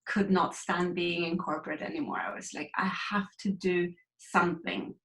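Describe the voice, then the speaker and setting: A woman's voice: fairly low pitch, steady tone, moderate pace, a bit bright, roomy sound, rough recording. A woman from Sweden, a grief recovery coach, telling her story candidly and reflectively as an interview guest. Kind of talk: conversational interview.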